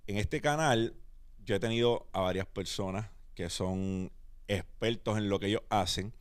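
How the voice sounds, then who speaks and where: A Puerto Rican man with a fairly low voice hosts a casual podcast. He talks with energy and drops English words into his Spanish. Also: a little slow, clear, resonant tone. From Puerto Rico. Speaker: podcast host.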